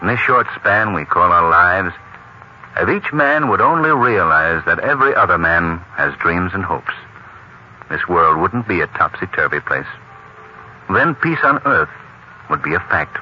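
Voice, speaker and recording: An actor playing a kindly, self-assured gentleman hero of an old radio mystery, speaking in a gently commanding way. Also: sits low, very animated, measured pace, lo-fi sound. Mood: genial. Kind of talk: 1930s radio acting. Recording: scratchy old radio recording.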